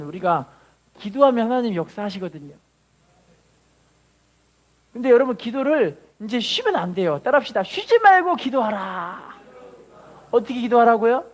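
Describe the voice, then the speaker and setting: A man preaching a sermon as pastor, leading the congregation in call and response with dramatic swells. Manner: preaches with dramatic rises in pitch and volume.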